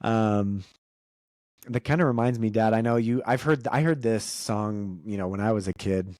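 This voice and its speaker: Low-ish mellow guy rambling on a dad podcast, dry close mic. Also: normal speed, no room sound. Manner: rambling, with many restarts and fillers. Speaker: podcast co-host. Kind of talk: casual podcast chat.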